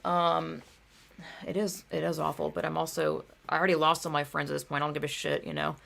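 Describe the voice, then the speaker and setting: A woman's voice: deep voice, little pitch movement, a little fast, gravelly, fairly bright tone. A young woman vlogging in a casual, heated monologue, swearing often and filling her talk with "like" and "dude.".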